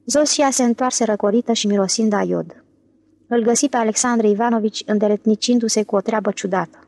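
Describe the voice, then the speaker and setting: A woman narrating an audiobook in a steady, even reading. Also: on the high side, dry recording. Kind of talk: scripted narration.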